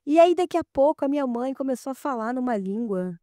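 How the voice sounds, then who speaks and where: A woman with a Brazilian accent, a podcast guest telling a personal story in a casual, animated way and acting out the dialogue. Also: high voice, fairly quick, no echo, studio quality. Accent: Brazilian Portuguese.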